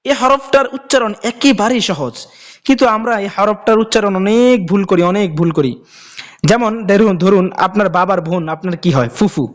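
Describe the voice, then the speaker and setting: A man with a high-pitched voice and a Bangladeshi Bengali accent teaches a Quran reading class. His voice is smooth and resonant as he explains each letter and stretches its name out slowly so it can be repeated. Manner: drawn-out, repeated letter names for practice. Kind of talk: teaching Arabic letter pronunciation.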